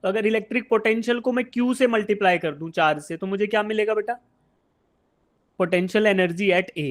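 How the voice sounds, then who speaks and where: This is a man from India with a fairly high voice, teaching physics in a live online class. He lays out the idea one step at a time, fires questions at the students and answers them himself, and keeps calling them "beta". His technical come out. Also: moderate pace. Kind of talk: live online exam-prep lecture.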